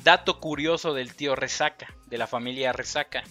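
A man's voice: mid-range voice, moderate pace, bright, forceful tone, soft background music. A young man with a Mexican accent, co-hosting a casual chat, slangy and joking, laughing often. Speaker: co-host.

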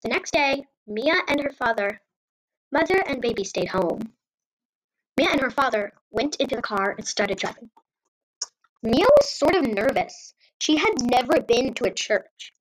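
A woman narrating a home-made children's story in a slow, earnest way. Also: a little high, expressive, poor audio.

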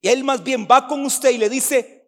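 Male pastor from Costa Rica, high voice, fiery sermon delivery with shouted sung peaks, long church reverb. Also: steady tone, normal speed. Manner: fiery preaching with sung, shouted swells and quiet asides. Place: church hall.

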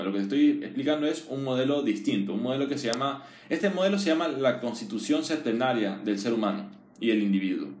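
A man at a middle pitch gives a relaxed, informal one-on-one lesson, talking directly to a single listener. He keeps asking whether he is being understood and often restarts his sentences. The room around him echoes noticeably. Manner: conversational, checks understanding often; frequent fillers and restarts. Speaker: teacher. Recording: roomy echo.

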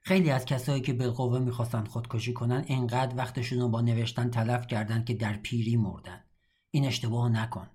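A man's voice: mid-range voice, fairly even intonation, warm tone, slightly rough, lightly acted. A man reading the part of a bitter, scarred middle-aged prisoner in an audiobook, with a blunt, mocking, matter-of-fact manner. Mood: blunt cynical.

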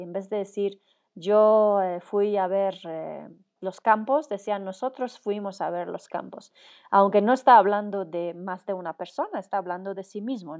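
Woman, university lecturer, mellow warm tone, step-by-step explaining, frequent fillers. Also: mid-range voice. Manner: explains step by step, often checks with "¿no?".

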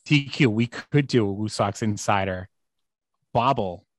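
A man's voice: fairly low pitch, a little slow, dry recording. Male podcast co-host, American with slight Boston touches, teasing sports banter, dry close sound. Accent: American, occasional slight Boston. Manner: teasing, emphatic.

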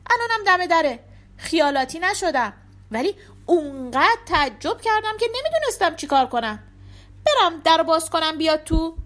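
A woman narrator doing a dim, flustered manservant in a storybook, loud and high-pitched as he stammers out the strange news. His voice jumps around, excitable and unsure. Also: heavily acted. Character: simple-minded male servant, flustered and excitable.

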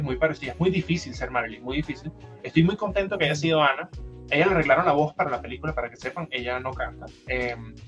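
A young Venezuelan man on a podcast, telling a story in casual chat, animated and full of swearing and slangy asides. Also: fairly high pitch, lo-fi sound. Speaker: podcast co-host.

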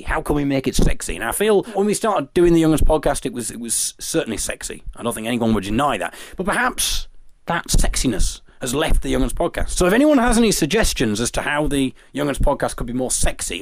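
A man hosting a podcast, chatting casually in a rambling, thinking-out-loud way. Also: mid-range voice. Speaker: podcast host and interviewer.

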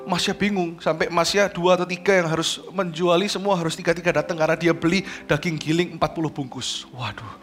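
A male pastor, preaching an online sermon in an animated way that grows emphatic, mixing in English phrases. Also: on the high side, fast talker, few pauses, faint music behind.

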